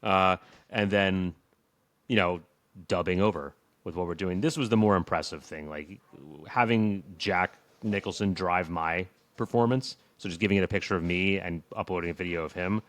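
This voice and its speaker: A man's voice: deep voice, normal speed, fairly bright tone, no echo. A man co-hosting a podcast in loose, chatty talk, laughing often and leaning on "like" fillers. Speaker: podcast co-host. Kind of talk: casual tech chat.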